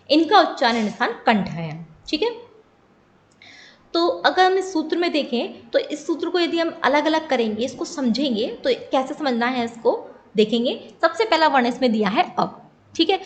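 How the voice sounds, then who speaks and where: A woman with a high, light voice teaches a Sanskrit lesson for exam students. She explains patiently, repeating points and checking in with her listeners as she goes.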